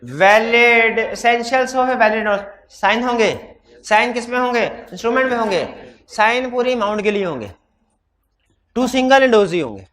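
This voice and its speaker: Man, very high voice, law teacher, sore throat, loud, quizzing students, hybrid classroom mic. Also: lively intonation, normal speed. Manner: quizzes students with repeated questions. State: throat trouble, talking loudly. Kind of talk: classroom lecture. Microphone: microphone.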